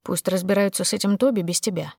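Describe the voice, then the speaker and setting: A woman's voice: mid-range voice, fast, vocal fry, slightly rough, no room sound, studio quality. A woman voicing a cold, commanding young man. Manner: flat, curt, commanding. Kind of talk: audiobook character voicing.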